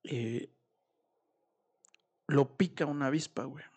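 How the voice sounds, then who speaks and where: A man's voice: mid-range voice, takes it slowly, breathy edge. A man with a Mexican Spanish accent, co-hosting a podcast and retelling a novel in slangy casual chat. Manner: slangy storyteller, acts out characters' shouts. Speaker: podcast co-host.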